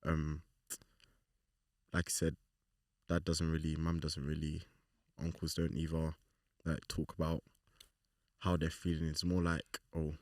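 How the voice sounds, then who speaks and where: Very deep-voiced young man. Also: completely flat delivery, unhurried, long pauses, no room sound, studio quality, far from the mic. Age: 20s. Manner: laid-back, slangy, acts out quoted remarks. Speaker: podcast guest. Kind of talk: casual group chat.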